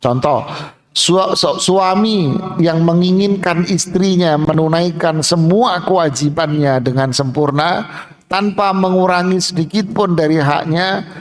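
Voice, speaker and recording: Lively male preacher, rather high voice. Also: measured pace. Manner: lively, colloquial, acts out examples. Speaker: Islamic preacher. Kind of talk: mosque sermon. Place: mosque.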